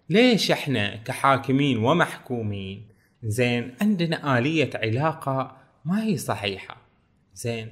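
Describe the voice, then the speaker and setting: A man with a Bahraini Arabic accent reading passages aloud and explaining them in casual dialect, with frequent fillers. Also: medium pitch. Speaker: book reviewer. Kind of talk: casual book talk.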